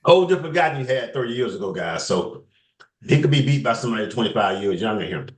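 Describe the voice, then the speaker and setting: A man's voice: on the low side, big pitch swings, fast talker. Musing man in a roomy room. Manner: questioning, musing, eats while talking. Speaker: co-host. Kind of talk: casual sports chat. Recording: roomy echo.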